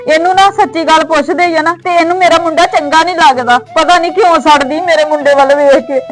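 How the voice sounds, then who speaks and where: A woman's voice: very high voice, fairly even intonation, fast talker, faint music behind, low-quality recording. A woman with a Punjabi accent playing a worried mother who complains and scolds in a family drama. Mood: upset. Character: worried mother defending her son.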